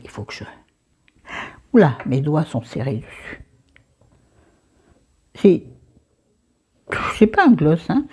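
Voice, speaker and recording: A beauty vlogger with a French accent chats through a makeup haul, slipping into whispered asides and scolding herself by name. Her voice is low, warm and husky.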